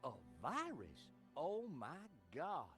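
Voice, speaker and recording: A man's voice: a little high, huge pitch swings, takes it slowly, a bit bright, soft background music, heavily acted. An actor voicing a game hero who puts on a Southern US accent to play an overeager, nosy male tourist. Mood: gushing. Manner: gushing, wide-eyed, playing dumb.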